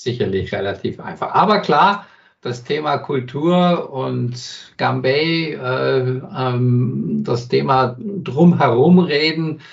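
An industry consultant, interviewed as a guest, explains his views in conversational answers, thoughtfully pausing to find words and often using fillers and restarts. His voice is gravelly and mid-range. He sounds set back from the mic, and the recording is somewhat dull.

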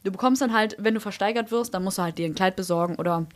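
A woman's voice: medium pitch, fast talker, dry recording. A young woman, talking into a podcast mic. She tells her stories in a chatty, blunt way. The sound is dry and close, with no room behind her. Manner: chatty storyteller, lively and blunt. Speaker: podcast co-host. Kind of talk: casual chat.

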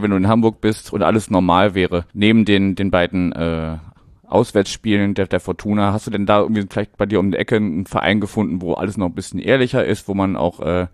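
A man's voice: lowish voice, a little mellow, no echo, studio quality. A man hosting a football podcast, chatty and casual with many filler sounds. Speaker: podcast host.

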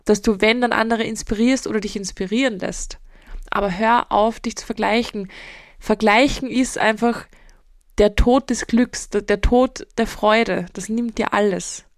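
A woman's voice: a little high, fairly even intonation, unhurried, no echo, studio quality. A woman hosts a solo podcast, answering listener questions in a direct, emphatic, motivational way. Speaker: podcast host and mental coach.

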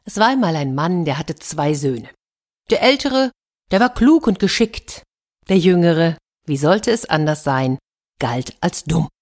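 A woman storyteller reading a fairy tale for children with lively expression. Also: low voice, measured pace, soft background music.

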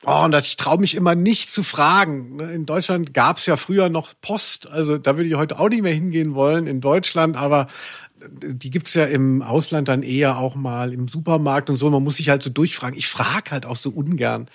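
A man with a slightly high, a bit bright voice talks at a normal pace. He hosts a podcast and chats casually, rambling and poking fun at himself.

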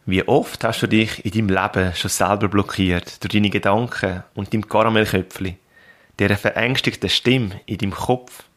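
A man with a Swiss German accent, calmly narrating a reflective podcast and coaching the listener directly. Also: lowish voice, moderate pace.

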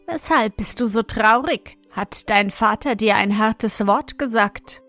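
A woman voicing a calm, soothing frog bride who croaks low before she speaks, in a slowly read storybook. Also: no echo, faint music behind.

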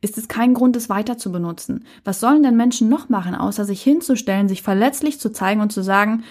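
A podcast host from Saxony-Anhalt, Germany, delivers a reflective solo monologue, earnest and thoughtful but full of hesitations. Her mid-range voice moves fast and has a slightly mellow quality.

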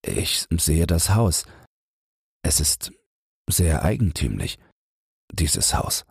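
A shy, politely awkward gentleman, played by a narrator, stammering and breaking off his words. The voice is very deep and husky, spoken slowly and close in a dry room. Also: very animated, dry recording, full character voice. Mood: hesitant. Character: shy, embarrassed, politely hesitant man.

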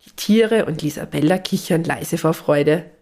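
A woman narrating a children's Christmas story in a calm, gentle way. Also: low voice, measured pace.

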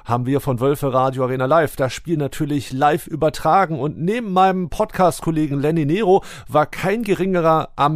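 A man's voice: fairly high pitch, no echo, studio quality. A man hosting a podcast in a conversational presenting style. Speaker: podcast host.

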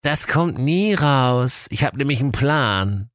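A man's voice: medium pitch, expressive, slow, dry recording, clean studio sound, pitched above the performer's own voice. A man voicing a sly, bossy big bad wolf, snappy and impatient, in a comic storybook reading. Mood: bossy scheming.

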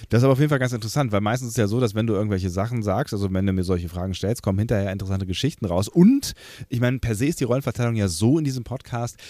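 A man with a fairly low voice co-hosting a casual podcast. He banters and teases, laughing often, and the recording is dry and close. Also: racing, dark tone, dry recording. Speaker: podcast co-host.

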